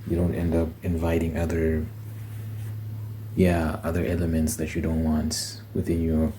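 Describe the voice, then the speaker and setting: A man's voice: very deep voice, completely flat delivery, moderate pace, warm tone, low-quality recording. A man giving a casual, reflective personal monologue, thinking aloud in short phrases as a vlogger. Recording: noticeable background noise.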